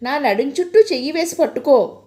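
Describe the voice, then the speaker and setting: A woman voicing a shy young man in love who speaks softly and hesitantly. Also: high voice, animated, fairly quick. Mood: gentle. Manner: soft, hesitant, pleading.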